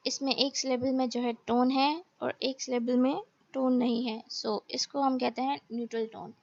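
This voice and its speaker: A woman teaching a recorded language lesson, talking slowly and carefully and mixing Hindi with English. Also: high-pitched, flat delivery, vocal fry, no echo, dull audio.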